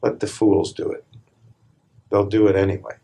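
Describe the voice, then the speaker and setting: This spiritual teacher leads a guided meditation in a fairly low, husky, gravelly tone. He stays calm and deliberate, leaving measured pauses between brief phrases.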